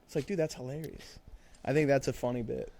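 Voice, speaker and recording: This young podcast co-host talks a little fast in a gravelly, dark mid-range voice. He rambles through casual chat, swearing and leaning on lots of fillers.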